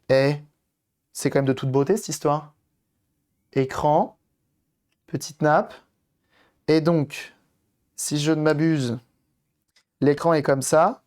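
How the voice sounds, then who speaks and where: Hoarse man chatting on a live stream. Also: fairly high pitch, a little mellow. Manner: chatty, talks to viewers while tinkering, thinks aloud. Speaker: streamer doing electronics modding. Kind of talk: casual live-stream chat while working.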